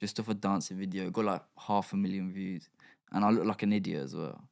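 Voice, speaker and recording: Low gravelly young man. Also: fairly even intonation, fairly quick, darkish tone. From England. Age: young adult. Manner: slangy, rambling, full of fillers. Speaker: podcast guest. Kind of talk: casual chat.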